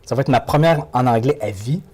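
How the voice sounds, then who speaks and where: Man, Québécois accent, rapid speech, emphatic and repetitive, motivational speaker in an interview. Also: mid-range voice, a little mellow. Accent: Québécois French. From Quebec. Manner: emphatic, repeats words and phrases for effect. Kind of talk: animated interview talk.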